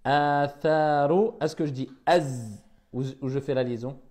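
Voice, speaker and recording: A man's voice: a little high, a little slow, a little mellow. A man teaching a reading class, patiently repeating words and correcting his pupils.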